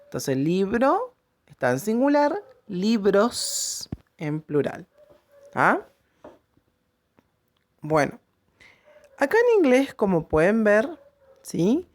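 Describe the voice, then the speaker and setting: A woman's voice: mid-range voice, huge pitch swings, takes it slowly, pauses often, darkish tone. A woman teacher, explaining English grammar to her pupils and checking after each point that they follow. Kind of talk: recorded classroom lesson.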